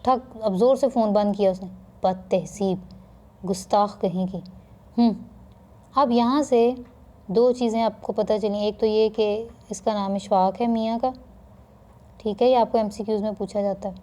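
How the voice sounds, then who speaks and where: A woman's voice: on the high side, fairly even intonation, mellow. A middle-aged woman teacher reading a play aloud to students, explaining patiently and acting out the dialogue with a raised voice.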